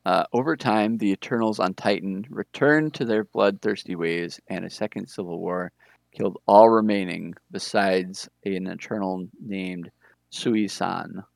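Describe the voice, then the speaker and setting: A man hosting a casual podcast, retelling comic book history in a relaxed way with frequent ums and small chuckles. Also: low-pitched, measured pace, vocal fry, dry recording. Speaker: podcast host.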